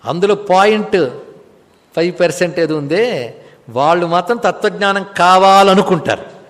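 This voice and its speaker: A man's voice: high-pitched, normal speed, a bit bright. A man giving a religious discourse, posing rhetorical questions and reciting verses. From India. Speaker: spiritual discourse speaker. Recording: long reverb of a hall.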